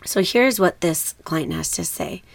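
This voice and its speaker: Woman podcast host, lowish voice with a touch of cold, dry close sound, reflective and rambling. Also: wildly swooping pitch, a little slow, dry recording. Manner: reflective, rambling with fillers and small laughs. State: recovering from a cold, voice a bit off. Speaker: podcast host and grief coach. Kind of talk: casual solo podcast talk.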